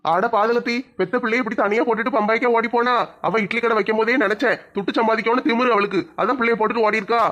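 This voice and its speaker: A man acting out a drunken loafer of a father from a comedy skit. He rattles on in a high, rapid, same-note voice, bullying and whining by turns. The recording sounds dull and lo-fi. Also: fairly even intonation, a bit bright. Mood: blustering. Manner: blustering, mock-pleading, slurred drunk swagger.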